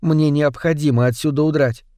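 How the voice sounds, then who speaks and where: A man's voice: on the high side, fairly even intonation, moderate pace, warm tone, no room sound, clean studio sound, lightly acted. A man doing an urgent, pleading young girl. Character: determined girl, urging and pleading.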